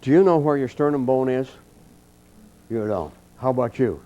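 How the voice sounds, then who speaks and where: An older man teaching a college clinic, telling folksy stories and calmly guiding a group through a breathing exercise. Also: mid-range voice, normal speed. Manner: folksy, anecdotal, calm coaching. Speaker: trumpet teacher giving a clinic. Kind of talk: storytelling and leading a breathing exercise. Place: college clinic room with an audience. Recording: dull lo-fi archival recording.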